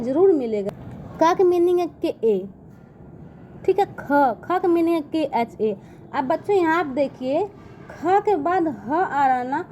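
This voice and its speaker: Woman teacher, high mellow voice, patient drilling style, quizzes kids, faint background noise. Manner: repeats "ठीक है" and quizzes the viewers. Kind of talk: classroom lesson for children.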